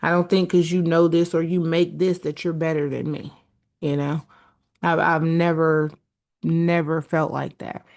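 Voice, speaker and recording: A woman's voice: low-pitched, flat delivery, a little slow, darkish tone. A woman hosting a podcast, speaking in an earnest, preachy solo monologue straight to her listeners. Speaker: podcast host.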